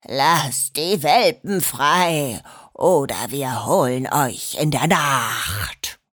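A woman voicing a gnome who fakes a spooky cellar ghost in a low, slow, booming voice. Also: expressive, fairly bright tone, very echoey, far from the mic, exaggerated voice. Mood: menacing.

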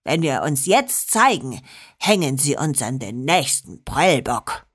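A woman voicing a gruff male gangster who hisses and growls his lines. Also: extremely low pitch, very animated, slow pace, pitched below the performer's own voice, full character voice. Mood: snarling. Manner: hissing, growling.

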